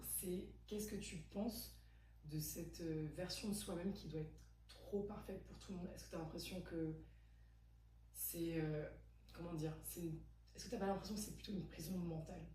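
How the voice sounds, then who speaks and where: In a relaxed podcast conversation, the host, a twenty-something woman, presses with probing questions in an emphatic, chatty manner. Her voice is low, mellow, and steady at a moderate pace, though a distant mic, room echo, and faint hum color the recording.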